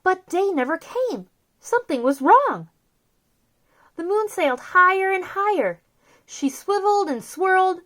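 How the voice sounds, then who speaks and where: Hosting as a children's storyteller, this female narrator of picture books speaks with a bright pitch and very lively intonation. Her theatrical, expressive delivery draws out important words for effect.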